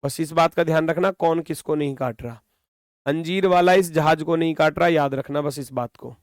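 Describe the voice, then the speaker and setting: A man's voice: a little high, normal speed, no echo, studio quality. A man teaching a reasoning class online, explaining with lots of repetition and scolding students now and then.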